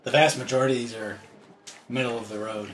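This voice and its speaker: A man's voice: medium pitch, fairly even intonation, fast, echoey room, noisy background. A man chiming in with needling asides during a casual burrito chat. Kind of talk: casual food review banter.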